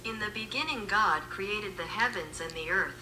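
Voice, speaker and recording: A synthetic woman's voice from a phone app, reading a verse with slow, evenly spaced words. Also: medium pitch, bright, forceful tone, a little hiss or hum, rough recording. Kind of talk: synthetic text-to-speech reading.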